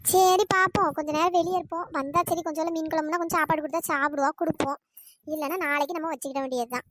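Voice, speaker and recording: A fussy older village woman in a cartoon story, chattering away in a very high, sped-up processed voice. She grumbles and fusses in a quick stream. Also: fairly even intonation, fairly bright tone, slight background noise. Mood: fretting. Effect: pitched-up cartoon voice.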